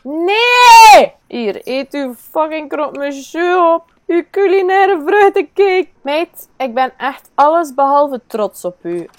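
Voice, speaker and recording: A young Flemish woman giving casual gameplay commentary, swinging from low muttering to excited squeals. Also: measured pace, hardly any pauses, dry recording. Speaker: gaming YouTuber.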